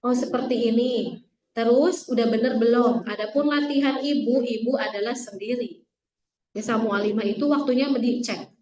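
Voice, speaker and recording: A woman with a fairly high voice leads a tajwid lesson, repeating letter sounds for her students and quizzing them. She sounds distant from the mic, and the room gives her voice a strong echo. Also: normal speed, a crowd in the background. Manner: repeats letter sounds to demonstrate, asks the class questions. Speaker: Quran recitation teacher. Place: classroom with some students online.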